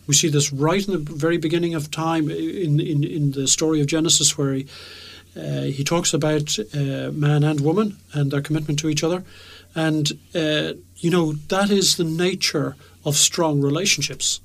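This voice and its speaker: A man's voice: on the high side, fairly even intonation, normal speed, gravelly. Thoughtful middle-aged man. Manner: thoughtful, hesitant with fillers. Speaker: radio show co-presenter. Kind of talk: conversational discussion.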